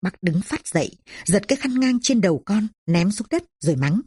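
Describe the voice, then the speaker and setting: A woman narrating a novel in a measured, steady reading. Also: mid-range voice, slightly rough, dry recording, clean studio sound. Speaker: storyteller.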